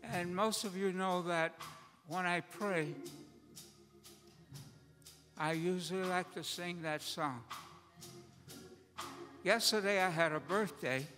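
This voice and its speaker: Older man, deacon, very slow, high voice, echoing church hall. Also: music in the background. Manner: slow, earnest, halting. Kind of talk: personal words before prayer. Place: church sanctuary. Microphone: lectern microphone.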